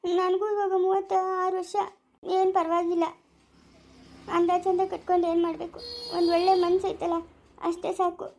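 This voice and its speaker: A woman's voice: extremely high pitch, little pitch movement, moderate pace, pauses often, warm tone. A woman playing a poor, orphaned village woman in her thirties, pleading and tearful in a family drama. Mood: shy hopeful. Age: 30s.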